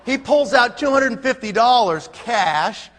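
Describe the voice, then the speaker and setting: A man telling a comic story to a live audience, animated and laughing as he acts out scenes. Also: extremely high pitch, measured pace. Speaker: speaker. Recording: long hall reverb, faint room noise.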